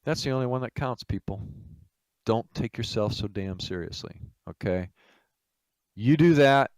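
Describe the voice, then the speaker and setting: A game studio executive teaching project management gives an informal lecture, telling stories in a casual, blunt, salty way with lots of fillers like "you know." His voice is on the low side and a little mellow, with no room sound but poor audio.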